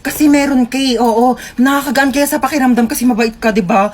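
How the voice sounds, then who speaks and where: A woman's voice: high voice, brisk. A woman with a Filipino accent voicing a lecturing male police officer in a comedy skit. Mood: bossy.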